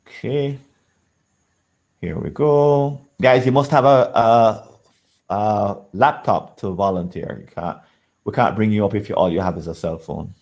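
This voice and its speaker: A man facilitating an online workshop, talking briskly and encouragingly and laughing often. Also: lowish voice, a little mellow. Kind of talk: casual online workshop hosting.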